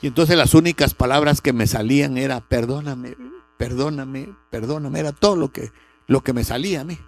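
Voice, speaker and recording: A man's voice: mid-range voice, fast, soft background music. A middle-aged man, preaching a sermon with a personal testimony and rising sharply on key words. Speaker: pastor.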